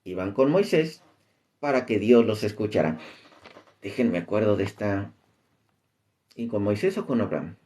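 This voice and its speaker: A man's voice: fairly low pitch, expressive, measured pace, long pauses, dark tone. A man giving informal Bible teaching. He reads scripture aloud and looks up verses as he talks. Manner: reads scripture aloud, searches for verses mid-talk, uses "este" as filler.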